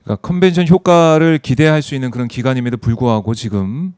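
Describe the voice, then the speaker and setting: A man's voice: mid-range voice, quick pace, darkish tone, clean tone. A man hosting a studio interview, giving short acknowledgements and summing up his guest's points. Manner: brief backchannels, sums up the guest's points. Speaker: interview host.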